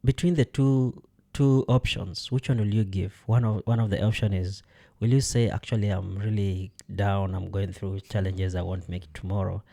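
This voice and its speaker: Low, mellow-voiced male podcast host. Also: steady tone, normal speed, creaky. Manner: hesitant, many fillers, laughs often. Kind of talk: casual conversation.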